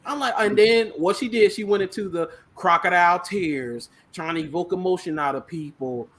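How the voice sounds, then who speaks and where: A man hosting a sports podcast, talking in an animated way and laughing now and then. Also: high-pitched, moderate pace. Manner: animated, laughs, mimics voices for effect. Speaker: podcast host. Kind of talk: casual sports podcast commentary.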